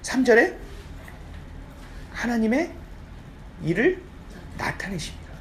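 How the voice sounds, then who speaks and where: Male pastor, chatty lively delivery, keeps asking the congregation to agree, faint church ambience. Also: very high-pitched, slow pace, slight background noise. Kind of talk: conversational sermon. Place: church sanctuary.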